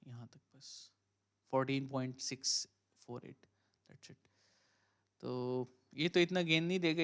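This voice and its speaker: Calm man talking through trading charts. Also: a little high, smooth. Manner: casual, thinks aloud, many fillers and "ठीक है"; mixes Hindi-Urdu with English phrases. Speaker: crypto trading mentor. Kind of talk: live stream chart review and Q&A.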